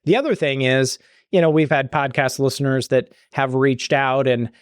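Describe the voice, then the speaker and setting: A man's voice: medium pitch, normal speed, clean tone, no room sound, studio quality. A man hosting a podcast, explaining retirement benefits in a conversational way, often restarting and adding asides. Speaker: podcast host and retirement planner. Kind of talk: solo podcast explaining listener questions.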